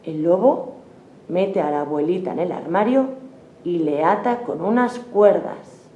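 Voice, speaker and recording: A woman narrating a children's fairy tale in slow, clear, simple sentences. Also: on the low side, mellow, echoey room, dull audio.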